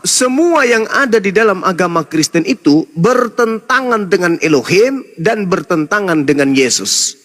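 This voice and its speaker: A man's voice: high-pitched, lively intonation, a little slow, fairly bright tone, long reverb tail. A man debating heatedly over religion, lecturing in long repeated runs and mocking his opponent.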